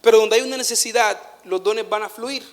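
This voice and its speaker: A man preaching a sermon, telling personal stories in an animated way, laughing at himself and dropping to a hush in tender moments. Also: high voice, brisk, big-room sound. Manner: animated storytelling, laughs at himself, swings from loud to hushed. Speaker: pastor.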